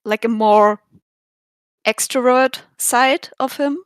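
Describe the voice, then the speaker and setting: A woman's voice: fairly high pitch, fairly even intonation, slow, clean tone, no echo, clean studio sound. A woman on a podcast, speaking thoughtfully and hesitantly in casual chat.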